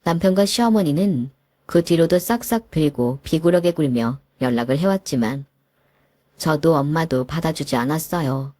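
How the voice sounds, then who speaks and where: Low-voiced woman narrating a story. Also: animated, moderate pace, mellow, no room sound.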